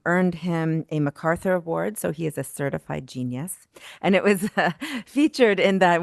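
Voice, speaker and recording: Woman moderator, low pitch, smooth clean tone, introducing a panel before an audience, dry sound. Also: no echo. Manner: speaking in front of an audience. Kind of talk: introducing speakers and a discussion.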